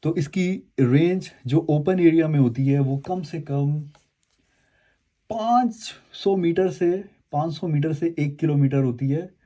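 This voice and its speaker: Warm and slow, with a pitch on the high side, a man addresses viewers in a casual unboxing and review video. His explanations wander, and he keeps going back over points and fixing his own wording as he demos the product.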